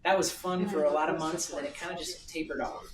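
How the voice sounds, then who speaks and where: A woman leading a real estate office meeting, running through announcements at a brisk, upbeat pace. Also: low voice, steady tone, crowd noise. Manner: brisk, upbeat, pleading plugs. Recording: echoey room, distant mic, background noise.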